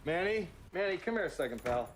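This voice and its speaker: An actor playing a gruff, blunt older man in a sitcom scene. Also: sits high, very animated, fast talker, a little hiss or hum. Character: gruff older man breaking bad news to a boy. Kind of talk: sitcom acting.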